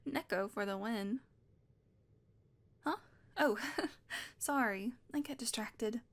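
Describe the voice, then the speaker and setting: An audio roleplay performer with a slightly high voice takes the part of a doting female witch, sweet yet possessive and playfully threatening. Her delivery stays soft and teasing, often sinking to a whisper.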